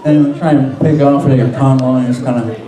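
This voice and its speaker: A man's voice: mid-range voice, steady tone, fairly quick, dark tone. A man performing as a comedy stage hypnotist, giving repetitive, suggestive patter to volunteers on stage. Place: large indoor hall. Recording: echoey large hall, distant, audience noise. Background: live audience crowd.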